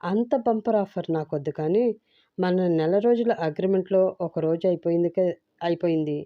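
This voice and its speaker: A woman's voice: lowish voice, moderate pace, dry recording, muffled recording, close to an everyday voice. Woman voicing a short-tempered young husband. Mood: dismissive. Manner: gruff, scolding.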